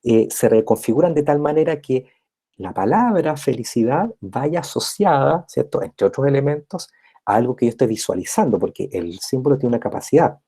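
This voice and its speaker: A man's voice: medium pitch, lively intonation, moderate pace, warm tone, slightly rough. A man giving a recorded university lecture, explaining step by step and often checking in with his listeners. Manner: constant tag checks with listeners; explanatory, repeats and rephrases points.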